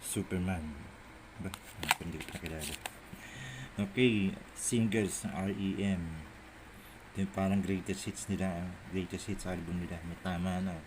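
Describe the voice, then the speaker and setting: A middle-aged Filipino man with a Manila Tagalog accent shows off his cassette collection, rambling and muttering to himself in a deep, fairly even, unhurried voice. It's off-the-cuff show-and-tell, filmed on a handheld phone with noisy camera audio.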